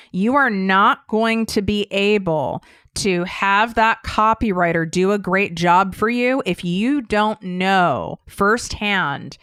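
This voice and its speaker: In a clean, echo-free studio recording, a woman from the United States delivers casual solo coaching on her podcast. She's blunt and emphatic, swears casually, and addresses listeners head-on. Her voice is medium-pitched, smooth and a bit bright.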